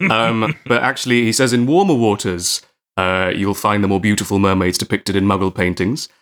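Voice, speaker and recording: A man's voice: lowish voice, normal speed, a bit bright. A young man jokily explaining lore as a podcast co-host. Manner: jokey, informative explainer. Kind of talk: casual group chat.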